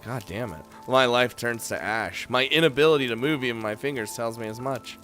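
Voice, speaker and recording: A man's voice: medium pitch, a little fast, soft background music. A man playing a story game, reading its narration aloud and reacting with jokes and laughter. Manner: animated, laughs often, reacts loudly and jokes. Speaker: game streamer. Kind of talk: let's play, reading game text aloud with commentary.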